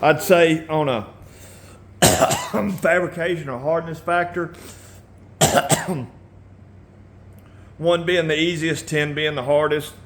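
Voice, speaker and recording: A man hosting a casual motorcycle how-to video in his garage, relaxed and rambling, often clearing his throat and coughing. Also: fairly high pitch, takes it slowly, long pauses, noisy background. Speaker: motorcycle builder and channel host.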